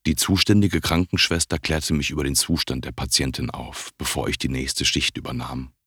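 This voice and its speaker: A man reading a first-person audiobook in a calm, measured way. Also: a bass voice, breathy edge, no echo, studio quality. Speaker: audiobook narrator.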